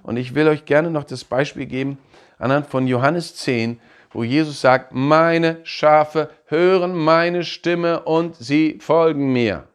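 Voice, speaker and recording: A man preaching a sermon in an animated way, laughing now and then and acting out quoted voices. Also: fairly high pitch, slow pace, clear, resonant tone. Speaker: pastor.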